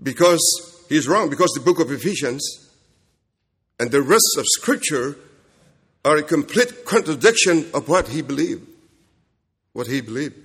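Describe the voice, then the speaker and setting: A man's voice: fairly high pitch, expressive, moderate pace, long pauses, fairly bright tone, husky. A man preaching an expository sermon with emphatic repetition, often checking in with short rhetorical questions. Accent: non-standard accent, self-described jokingly as Kentucky. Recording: echoey hall with long reverb.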